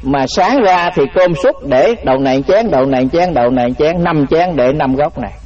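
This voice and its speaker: A Buddhist monk giving a dharma talk, telling folksy stories and often repeating words. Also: male voice, a little high, animated, brisk, darkish tone. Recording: muffled lo-fi radio-like recording.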